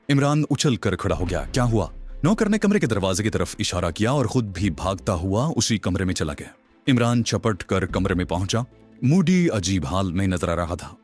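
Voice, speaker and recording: A man's voice: deep voice, a little mellow. A man narrating a suspense story audiobook, reading with dramatic storytelling. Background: faint music.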